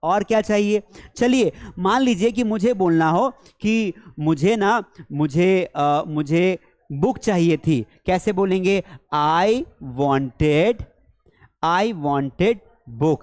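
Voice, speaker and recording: High-voiced Indian man teaching English. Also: darkish tone. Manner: explains step by step, asks and answers his own questions, slows down on English examples. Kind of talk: spoken English lesson in Hindi.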